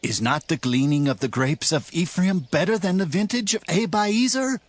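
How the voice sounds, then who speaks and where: An actor playing a bold Israelite war leader in a dramatized Bible reading, speaking in a declamatory, emphatic way. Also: male voice, on the high side, moderate pace, natural voice. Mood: placating. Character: Gideon, adult male Israelite war leader, commanding and bold.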